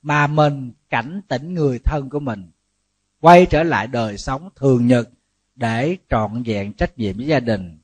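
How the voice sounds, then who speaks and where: A man, a Buddhist monk giving a lively, humorous sermon full of rhetorical questions. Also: mid-range voice, measured pace, no echo.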